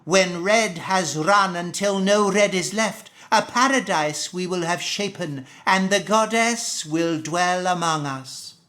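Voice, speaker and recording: A man's voice: sits high, slow pace, few pauses, bright, forceful tone, heavily acted. A man playing a zealous cult priest in a video game, preaching solemnly in grandiose, archaic phrases. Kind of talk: theatrical video game acting.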